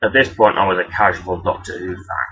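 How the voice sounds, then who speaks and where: A man's voice: low-pitched, fairly even intonation, a little fast, sharp tone. A man giving a casual, rambling toy review in a hesitant, self-deprecating, blunt and sweary way. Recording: dull, lo-fi sound.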